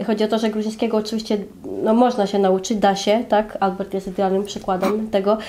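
A woman's voice: mid-range voice, little pitch movement, a little fast, dark tone, slight background noise. A young woman from Georgia with a Georgian accent, a guest explaining her native language, speaking thoughtfully with many fillers. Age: young adult. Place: small indoor room, flag backdrop.

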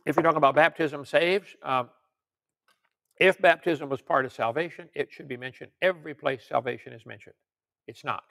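Gravelly older man preaching folksy. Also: on the high side, moderate pace, fairly bright tone. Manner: folksy, jokey asides, reads out articles and questions. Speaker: preacher and creationist lecturer. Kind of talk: informal teaching sermon with audience questions.

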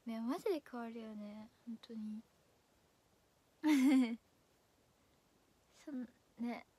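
Young woman idol chatting, high voice. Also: slow, mellow, slightly rough, no room sound. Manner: chatty, drifts between high and low voice, laughs often. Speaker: idol streamer. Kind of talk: casual livestream chat.

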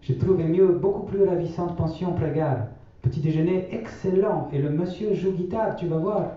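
A man's voice: fairly high pitch, moderate pace, voice pushed up, close to an everyday voice. A frail old grandmother with a thin, raised voice and broken, article-dropping speech, as a male reader puts her on. She is thrifty and timid colors every phrase. The sound is echoey and distant, a little dull. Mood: timid, apologetic.

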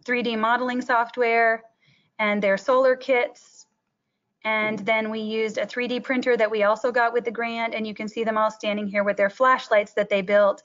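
A woman's voice: on the high side, a bit bright. A middle-aged woman presenting a school webinar on her teaching programs, talking earnestly with frequent ums as she goes through slides. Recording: muffled lo-fi webinar audio.

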